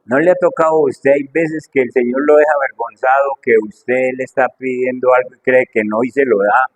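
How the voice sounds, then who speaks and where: On a rough recording, a middle-aged man preaches fervently and fairly quickly. His intonation is fairly even overall, yet his pitch and loudness swing widely as he poses one rhetorical question after another to the congregation.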